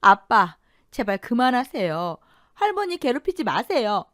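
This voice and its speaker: A teenage girl, tearful yet defiant, acted by a woman in an audio drama. Her voice rides high with lively swings, recorded dry and close. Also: unhurried, dry recording. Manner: pleading, defiant. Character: teenage granddaughter, outspoken and tearful.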